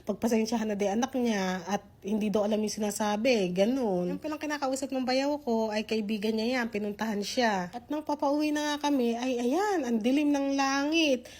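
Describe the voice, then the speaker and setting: Chatty Filipina woman vlogging from a car, voice a little higher than usual, laughs easily. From Philippines. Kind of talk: casual vlog narration. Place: inside a car.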